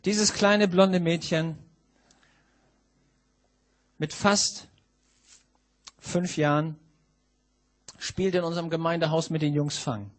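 Middle-aged guy preaching, bit high-pitched, gets loud and intense then goes quiet. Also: steady tone, slow pace, long pauses. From Schleswig-Holstein, northern Germany. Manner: emphatic, swings from hushed to shouting. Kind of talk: sermon storytelling.

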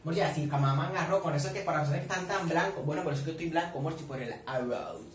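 A man's voice: a little high, very fast. Gossipy young Colombian man reacting. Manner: animated, gossipy, addresses viewers playfully. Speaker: reaction vlogger. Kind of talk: casual reaction commentary. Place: at home with family nearby. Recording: echoey room, distant mic, faint noise.

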